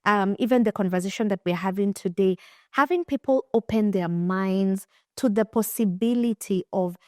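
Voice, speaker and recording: This podcast host, a young adult from Kenya who also coaches people on finance, speaks with a Kenyan accent in a relaxed interview, restarting often as she tells lively stories. She talks at a normal speed in a medium pitch, recorded in a studio with no room sound.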